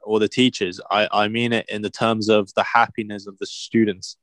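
Here a young China-born man jokes around with his friend in a relaxed chat, laughing a lot as he teases. The voice is fairly low and fairly bright, delivered flatly at a moderate pace without room sound.

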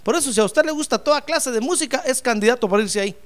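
A man's voice: very high-pitched, fast, fairly bright tone. A man preaching a sermon with fervor, calling his listeners brother and acting out the voices he quotes.

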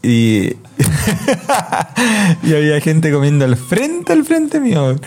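A man's voice: a little high, big pitch swings, slow, darkish tone, slight background noise. Laughing Chilean man comedian. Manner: laughing, slangy chat. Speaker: stand-up comedian. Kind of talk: casual chat.

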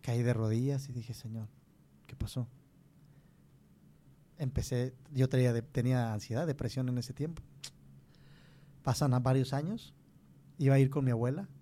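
A young Mexican man with a Mexican Spanish accent, telling a personal faith testimony in conversation, earnest and halting with many restarts. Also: mid-range voice, mellow, slight background noise.

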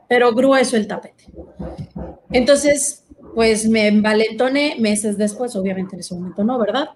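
A woman's voice: on the high side, darkish tone. A woman, a guest earnestly telling her vocation story in conversation, with many fillers. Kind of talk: personal testimony in conversation.

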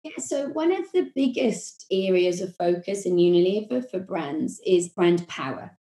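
A woman with a Welsh accent, a marketing executive explaining her work in a podcast interview, measured and full of corporate phrasing. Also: fairly low pitch, expressive, warm tone, roomy sound.

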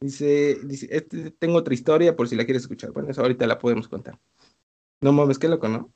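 A man's voice: mid-range voice, steady tone, a little fast, mellow, muffled recording. A young man with a Mexican accent, co-hosting a casual talk show and telling a listener's spooky story in slangy, easygoing speech. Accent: Mexican Spanish. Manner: slangy, laid-back, laughs between lines. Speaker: podcast co-host reading a listener's story.

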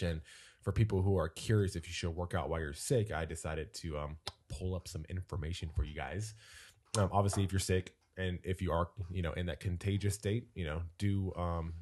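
A young man co-hosting a casual podcast, his voice deep from a cold, chatting loosely with lots of fillers and jokes. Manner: relaxed, many fillers, jokey. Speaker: podcast co-host.

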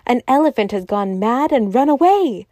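A woman's voice: mid-range voice, very animated, slow, dark tone, no room sound, clean studio sound. A woman voicing an anxious, breathless zoo keeper who speaks urgently. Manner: urgent, gasping.

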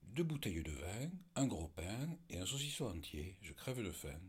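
A man's voice: sits low, sing-song, normal speed, slightly rough, full character voice. A man voicing a hungry, odd hermit, blunt and hasty, in a storybook reading.

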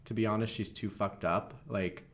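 A woman co-hosting a casual podcast, with a strikingly low, deep voice. She talks in a laid-back way, letting sentences trail off and leaning on "like" as she thinks. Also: steady tone, moderate pace. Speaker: podcast co-host. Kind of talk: casual chat.

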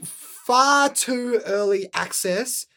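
A man's voice: very high voice, drawn-out words. A man, a guest rapper telling stories in a casual, swearing, laughing way. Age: 20s. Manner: animated, swearing, laughing storyteller. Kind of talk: casual storytelling.

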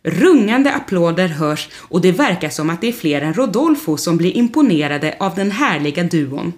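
Expressive woman reading a storybook. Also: on the low side. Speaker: narrator. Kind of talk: storybook narration.

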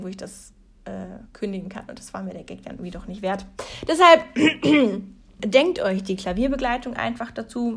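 A woman with a fairly high voice chats on her own from the desk in her room. She rambles playfully and jokes at her own expense, keeping the tone light and casual throughout. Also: a bit bright. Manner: chatty, self-mocking, playful. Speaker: vlogger. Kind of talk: humorous casual monologue.

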